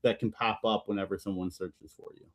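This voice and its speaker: A man co-hosting a casual podcast, relaxed and explaining things plainly. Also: lowish voice, a little fast. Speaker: podcast co-host.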